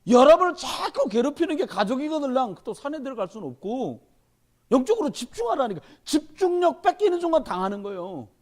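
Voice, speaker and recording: A man's voice: very high voice, very animated, a little fast. A man preaching a sermon as the pastor at a Wednesday church service, urging and joking with the congregation.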